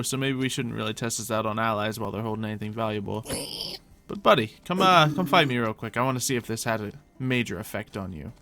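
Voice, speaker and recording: A gaming video host plays in character, offering casual, improvised commentary as he chats to himself and thinks aloud. His medium-pitched voice sounds pushed and bright.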